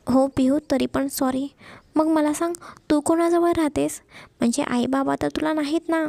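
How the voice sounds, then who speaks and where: Talkative young college girl, outspoken and lively, high and gravelly, voiced by a woman narrator. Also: normal speed, no room sound. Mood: chatty.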